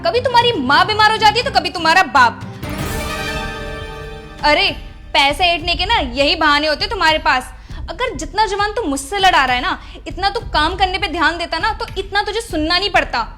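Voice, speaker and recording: A woman playing an arrogant rich lady who scolds her driver in a scripted skit, speaking in a sharp, scornful way. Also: animated, moderate pace, faint music behind, heavily acted. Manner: shrill scolding, later soft apology. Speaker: actor in a short moral skit. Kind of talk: scripted social skit acting.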